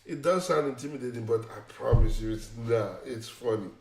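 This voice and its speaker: A man's voice: medium pitch, moderate pace, gravelly, darkish tone, reverberant. A man giving casual tech career advice in an emphatic, repetitive way, often restarting his phrases. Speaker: tech vlogger.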